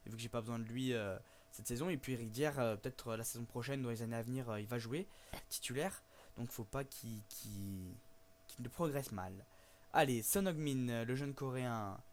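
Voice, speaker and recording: A young man giving casual, chatty let's play commentary over a football management game, hesitant with many fillers and sudden bursts of excitement. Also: medium pitch, moderate pace, slight background noise. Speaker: gaming YouTuber.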